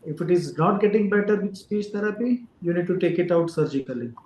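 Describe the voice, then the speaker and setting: A man, a doctor calmly explaining to an interviewer with frequent fillers. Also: high-pitched, fairly quick, slight background noise. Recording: roomy echo.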